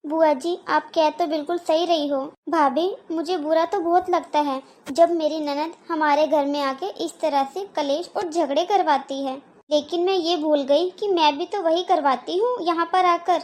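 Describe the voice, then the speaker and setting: Demanding young woman, complaining, high voice, cartoon, woman acting it. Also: fairly even intonation, normal speed, hardly any pauses, a little mellow, lightly acted. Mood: apologetic. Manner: whiny, complaining. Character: petulant young married woman, demanding and sulky.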